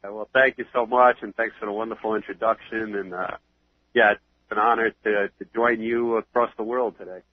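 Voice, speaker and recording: Husky New York man with a head cold. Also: lowish voice, fairly even intonation, brisk, dry recording. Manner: chatty, rambling with fillers. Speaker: interview guest. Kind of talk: phone interview. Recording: phone line.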